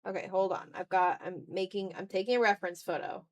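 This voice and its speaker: Drawing on an art livestream from a room at home, a woman in her twenties chats casually and mutters to herself, swearing offhandedly and putting herself down. Her voice sits at medium pitch and she talks fast. There's no room sound.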